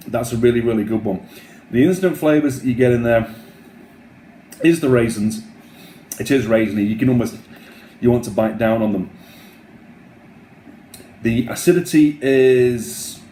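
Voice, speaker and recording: A man hosting a casual wine tasting, talking in an unhurried, musing way with short trailing phrases. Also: medium pitch, dark tone. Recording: roomy echo, faint background noise.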